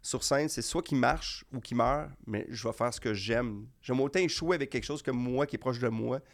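Gravelly Québécois comedian, rambling. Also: male voice, mid-range voice, moderate pace. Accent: Québécois French. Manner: animated storyteller, rambling restarts. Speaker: comedian guest. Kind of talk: casual chat.

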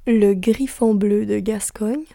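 A woman slowly reading out a long list, softly, and slipping into whispered asides. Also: medium pitch, steady tone, creaky, no room sound, clean studio sound. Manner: soft, slow, drops to a whisper for asides.

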